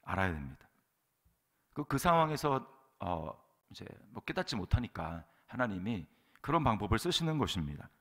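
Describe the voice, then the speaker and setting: A man delivers a sermon as pastor of a church. His voice is bright and forceful, and he preaches emphatically, punctuating his points with rhetorical questions and frequent affirmations. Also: on the low side, big pitch swings, normal speed.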